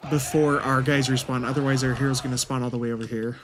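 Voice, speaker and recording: A man's voice: mid-range voice, flat delivery, quick pace, a crowd in the background. A man thinks aloud in casual commentary as he plays a strategy game. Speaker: gaming video host.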